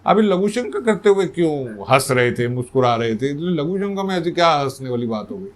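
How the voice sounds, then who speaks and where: A man's voice: a little high, sing-song, normal speed. A man voicing a meek young disciple. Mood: puzzled. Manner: meek, apologetic. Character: young humble male disciple, puzzled and apologetic.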